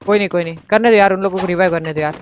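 A man chatting excitedly while playing a mobile shooter game, calling out to teammates and asking viewers to subscribe. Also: sits high, very fast, slight background noise. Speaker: gaming channel host. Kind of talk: excited gameplay chat.

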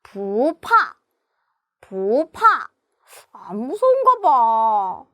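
A woman's voice: a little high, wildly swooping pitch, extremely slow, no echo, pitched below the performer's own voice, exaggerated voice. A woman voicing a hungry, boastful male tiger who scares easily, with growls and groans, in a children's puppet show. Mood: gruff boastful.

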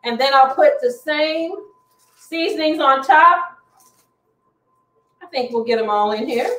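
This middle-aged cooking show host speaks in a high, fairly bright voice at a measured pace, chatting and explaining during a live demo at home. The sound comes from a distant camera across her roomy kitchen.

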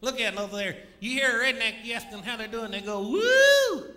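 A man's voice: very high voice, sing-song, fairly quick, pushed and bright, pitched above the performer's own voice, heavily acted. A ventriloquist man voicing a cheeky wisecracking male pelican puppet, mocking and sassy on a comedy theater stage. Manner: sassy, mocking, drawls "uh-huh, yes". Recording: live theater with noisy crowd.

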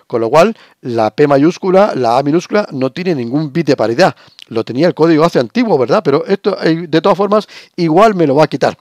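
A lecturer, a man with a slightly high, darkish voice, teaches in a recorded screen-share lesson, explaining things and frequently checking in with rhetorical questions. The recording is dry and clean, studio quality.

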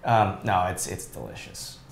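A man's voice: sits low, very animated, measured pace, gravelly, roomy sound. A man co-hosting a casual livestream, joking playfully while taste-testing food at home. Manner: playful, jokey. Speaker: co-host.

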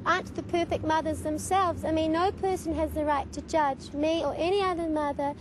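Squeaky high-voiced New woman. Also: steady tone, noisy background. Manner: emotional, earnest, halting. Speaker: interviewee. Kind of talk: archival TV interview.

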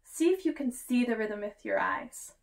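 A woman's voice: fairly high pitch, wildly swooping pitch, normal speed. A woman reading a children's picture book aloud as a teacher, chanting the rhythm words in a sing-song way and inviting the kids to join in.

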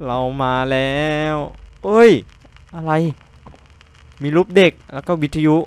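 A young man, commenting on a horror game he plays, excitable and swearing, yelping when startled. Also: on the high side, slow, clear, resonant tone, dry recording. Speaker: gaming streamer.

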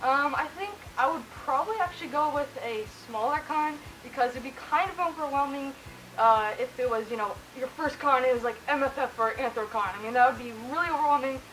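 A woman's voice: sits high, brisk, a little hiss or hum, low-quality recording. A woman talking inside a costume head, chatting casually and rambling as she answers viewer questions. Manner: relaxed, rambling, with fillers and laughs. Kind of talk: casual Q&A chat.

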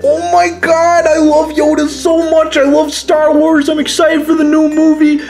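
A man playing a hyper-excited young boy hosting a toy review show, gushing over every detail. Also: very high-pitched, measured pace, music in the background. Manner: gushing, shrieking enthusiasm. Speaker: kids channel host.

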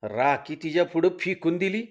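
A man's voice: fairly high pitch, animated, moderate pace, lo-fi sound, lightly acted. A storyteller reading aloud, voicing a cocky young village man who grumbles in rural dialect. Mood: indignant. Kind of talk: dramatic Marathi story reading.

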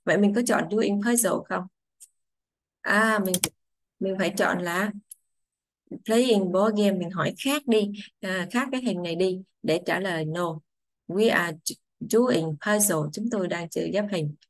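A woman English teacher, patiently explaining grammar to children, saying English phrases slowly before translating them. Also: medium pitch, dry recording.

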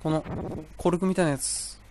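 Over game music, a young man gives casual let's-play commentary on the video game he's playing, talking to himself and rambling between exclamations. His voice is a little high, fairly quick, and steady in tone. There's background noise in the recording.

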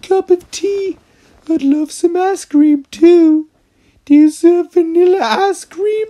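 A man voicing a perky young woman customer in a cafe game, in a squeaky falsetto with exaggerated sweetness. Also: slow pace, dark tone. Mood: chirpy.

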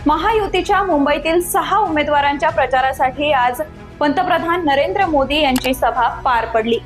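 A woman presenting scripted news narration in an emphatic headline style. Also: sits high.

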